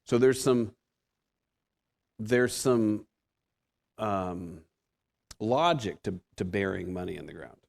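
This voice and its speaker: A man in his fifties from the Pacific Northwest preaches as a guest in a church sanctuary, speaking conversationally, poking fun at himself and frequently starting sentences over. His fairly low voice is expressive, slow, creaky and a little mellow, with long pauses.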